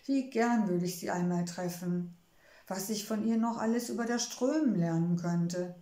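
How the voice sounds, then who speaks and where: Storybook gnome wife, read by a woman: kindly, homely, gentle, mellow tone, roomy echo. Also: medium pitch, normal speed, close to an everyday voice. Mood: wistful. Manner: gentle, wistful, soothing. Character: kindly motherly female gnome, homebody.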